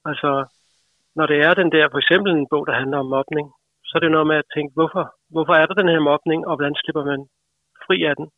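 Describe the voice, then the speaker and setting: A man's voice: on the high side, fairly even intonation, no echo. A man, an author, talking casually and hesitantly about his writing, with many fillers. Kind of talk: casual interview answer. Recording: tinny, dry phone line.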